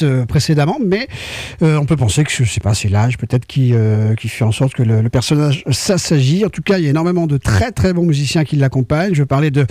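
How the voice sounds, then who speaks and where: Fast-talking male radio host. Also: fairly high pitch, mellow, dry recording. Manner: informal, chatty, introducing music. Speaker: radio host of a blues music show. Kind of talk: casual radio presenting between records.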